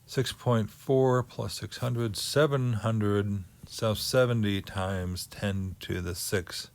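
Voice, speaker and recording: A teacher lectures on orbital physics, his voice on the low side with fairly even intonation. He works through the figures slowly, thinking aloud and pausing often.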